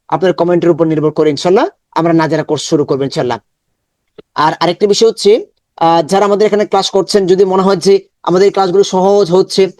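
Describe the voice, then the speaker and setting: A male Quran teacher giving an online lesson, drilling syllables slowly one at a time with many repetitions and chanting the verse in long drawn-out tones. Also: high voice, darkish tone, no echo, clean studio sound. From Bangladesh.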